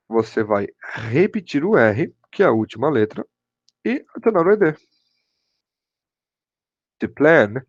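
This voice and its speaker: Brazilian male teacher, gravelly, keeps checking in with his class; dry lo-fi recording. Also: medium pitch, no echo. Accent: Brazilian Portuguese. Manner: repeats "show de bola" and "pessoal", checks in with students. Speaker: English teacher. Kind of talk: online class explanation.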